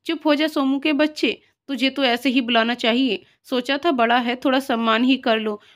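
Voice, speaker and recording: A woman reading the part of a gentle young wife in a storybook tale, speaking earnestly and pleading. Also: high voice, steady tone, normal speed, lightly acted. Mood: playful.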